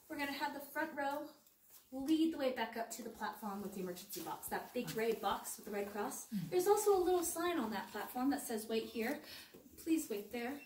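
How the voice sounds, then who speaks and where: Woman, cave tour guide, playful group talk, high voice, cave echo, faint background noise. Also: a little mellow. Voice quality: echoing cave sound. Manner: playful, chatty. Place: underground cave room. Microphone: visitor's phone at a distance. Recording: echoing cave, distant mic, faint noise.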